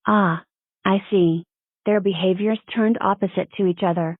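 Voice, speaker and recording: A woman's voice: medium pitch, fairly even intonation, normal speed, no room sound, narrow, tinny audio, close to an everyday voice. A synthetic-sounding woman voicing a stern, matter-of-fact cartoon schoolteacher with formal delivery. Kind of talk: scripted cartoon dialogue.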